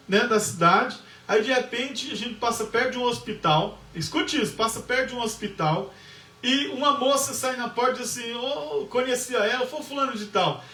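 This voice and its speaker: High-voiced preacher in an echoey room. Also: male voice, bright, forceful tone, far from the mic. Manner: emphatic storyteller, repeats phrases, acts out dialogue. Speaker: pastor and lecturer. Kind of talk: preaching lecture with storytelling.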